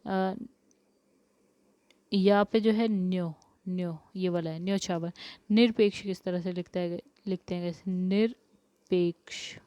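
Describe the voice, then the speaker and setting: A woman's voice: fairly low pitch, fairly even intonation, measured pace, pauses often, warm tone, clear, resonant tone, no room sound, dull audio. A woman teacher working through spelling questions step by step, asking each question and then answering it. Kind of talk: spelling lesson for exam prep.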